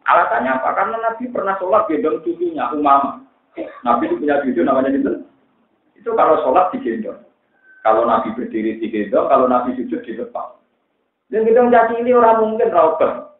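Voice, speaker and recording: A man with a Central Javanese accent preaching a religious lecture, telling stories in a lively way that mixes jokes and pleading. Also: fairly high pitch, a little fast. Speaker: Islamic preacher. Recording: echoey, tinny lo-fi recording.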